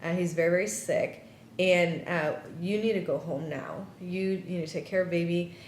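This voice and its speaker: A woman recounting a personal story to an interviewer, her voice sitting a little low. She slips in and out of quoted dialogue with animated shifts. The room echoes around her over a faint low rumble. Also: moderate pace. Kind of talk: personal story told in conversation. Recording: roomy echo with faint rumble.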